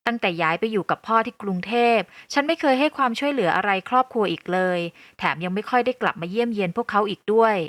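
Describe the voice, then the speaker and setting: A woman narrating a first-person audio novel in a calm, even storytelling voice. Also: mid-range voice, no echo.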